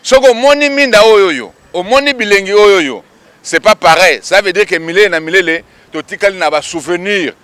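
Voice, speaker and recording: Male street reporter, high-pitched and emphatic, dry close mic. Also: expressive, a little fast, fairly bright tone, no echo. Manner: emphatic, rhetorical call-and-response. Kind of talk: on-the-spot news commentary. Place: outdoors at a public event.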